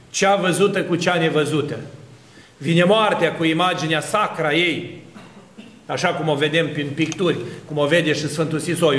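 A man's voice: a little high, fairly bright tone, echoey room. A man preaching an Orthodox sermon, asking rhetorical questions and building long spoken lists. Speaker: Orthodox priest.

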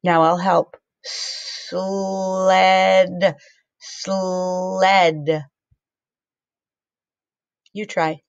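A woman teacher giving a recorded morning lesson to young children, with a slow, sing-song, encouraging delivery. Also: medium pitch, gravelly, no room sound, highs cut off.

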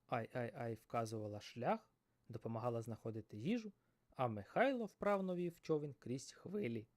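Storyteller, male, dramatic fairy tale narration, very animated intonation. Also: mid-range voice, moderate pace. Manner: expressive, dramatic.

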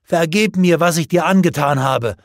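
A man's voice: medium pitch, lively intonation, moderate pace, a little mellow, slightly rough, no echo, studio quality. A man voicing a remorseful knight, raised voice. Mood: pleading. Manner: urgent, pleading. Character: remorseful male knight, champion fighter. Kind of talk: audiobook reading.

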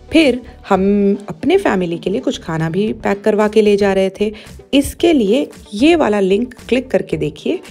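A woman in her thirties talks through a restaurant visit in a chatty, upbeat vlog manner, now and then switching into English. Her voice sits a bit high, and faint music plays under her words. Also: dark tone. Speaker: food vlogger. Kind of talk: casual vlog narration.

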